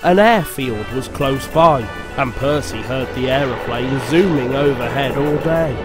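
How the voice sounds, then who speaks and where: A man narrating a storybook in a measured, clear storytelling manner. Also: medium pitch. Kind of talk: storybook reading. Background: music.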